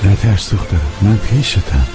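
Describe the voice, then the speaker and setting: A man's voice: sits low, animated, over music. An actor playing a protective, reassuring father in a television drama.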